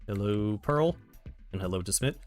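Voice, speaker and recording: A man's voice: fairly low pitch, expressive, moderate pace. A man streaming a game, chatting casually in a rambling way with restarts and laughs. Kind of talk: casual gameplay commentary. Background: game music.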